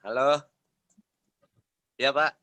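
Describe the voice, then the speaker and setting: A man speaking as a guest in an online webinar, his voice choppy and breaking up over the call, halting as he searches for words. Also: medium pitch, steady tone, sharp tone, dry recording. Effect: choppy, breaking-up online call audio. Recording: dry, lo-fi online call audio.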